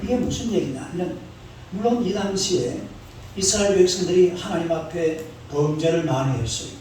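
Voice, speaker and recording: A man's voice: fairly high pitch, moderate pace, a little mellow, a little hiss or hum. A middle-aged man preaching a sermon in a church, speaking colloquially and quizzing the congregation with questions he answers himself. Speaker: pastor. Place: church sanctuary. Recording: roomy church sound from a distant mic.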